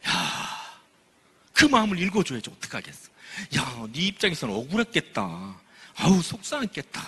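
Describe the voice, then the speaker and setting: A middle-aged man giving a parenting lecture as a professor, telling stories in an animated way and acting out the voices he quotes. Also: mid-range voice, moderate pace, slightly rough. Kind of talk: lively lecture with storytelling. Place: church hall. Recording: long hall reverb.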